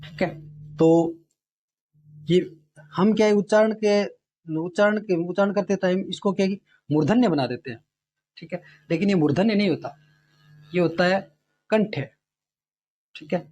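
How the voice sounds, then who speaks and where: Hindi grammar teacher, slightly high voice. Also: male voice, a little mellow. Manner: explains step by step, often checks in with the students; repeats sounds slowly to demonstrate them. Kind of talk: exam-prep lesson.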